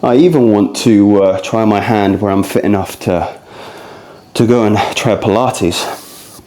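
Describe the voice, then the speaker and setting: In an informal, wandering address to his listeners, a man in his early thirties coaches a core routine as a fitness vlogger. His mellow voice is fairly low and a touch slow.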